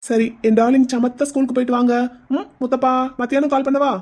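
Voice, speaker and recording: A cheeky young uncle from a cartoon teases in quick, breezy talk. The voice sits fairly high with a mellow, warm tone. It is cartoon voice acting. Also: female voice, steady tone. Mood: teasing. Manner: teasing, breezy, fast-talking.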